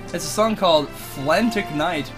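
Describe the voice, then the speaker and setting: A man with a stuffy, congested nose chats and jokes on a podcast. His voice sits on the higher side. Music plays clearly behind him. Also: measured pace. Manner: joking, playful banter. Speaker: podcast co-host. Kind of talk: casual chat.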